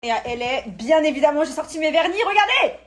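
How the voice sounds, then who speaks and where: A woman vlogging casually, chatty and excitable, talking to her viewers. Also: sits high, fast talker. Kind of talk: casual travel vlog chat.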